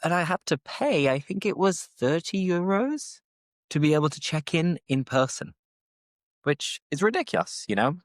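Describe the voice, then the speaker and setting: A very animated British English teacher with a fairly high voice hosts his learning podcast, talking off the top of his head and explaining phrases as he goes. He speaks at normal speed, and the studio-quality audio has no echo.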